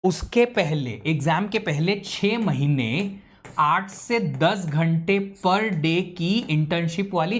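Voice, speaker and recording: सवाल पूछता हुआ ऑनलाइन शिक्षक. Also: male voice, fairly high pitch. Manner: quizzes students, mixes English into Hindi. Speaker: teacher. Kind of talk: live online lecture.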